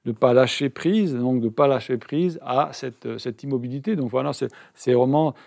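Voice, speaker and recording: A man's voice: medium pitch, normal speed, vocal fry, darkish tone. A man interpreting a meditation teaching live, hesitant, with many fillers and self-corrections.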